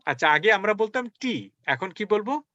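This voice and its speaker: A man's voice: on the high side, expressive, normal speed, sharp tone, no room sound, highs cut off. A man teaching English as a spoken lesson, coaxing his learners along with many rhetorical questions.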